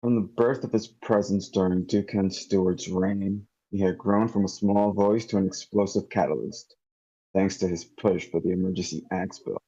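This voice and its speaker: Man reading well-spoken narrator, late thirties, measured formal delivery, very low voice, husky, dull lo-fi call audio. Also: steady tone, mellow. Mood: solemn. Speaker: volunteer reader at a script table read. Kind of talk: table read narration. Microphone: computer mic in an online meeting.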